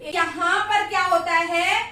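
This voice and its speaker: A woman's voice: extremely high pitch, steady tone, unhurried, pushed and bright, heavy reverb, distant mic. A woman teaching grammar, patiently repeating sounds and asking checking questions. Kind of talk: classroom lesson.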